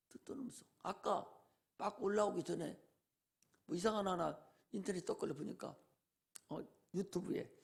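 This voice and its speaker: Gravelly folksy male pastor preaching. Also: high voice, a little mellow. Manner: folksy preaching with rhetorical questions. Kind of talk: sermon.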